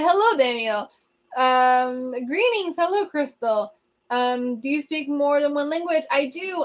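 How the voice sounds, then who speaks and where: Hosting a livestream, a young native Spanish speaker from Venezuela chats casually while responding to viewers' comments. Her voice sits fairly high, and she laughs a lot, fills pauses with um, and frequently restarts her sentences.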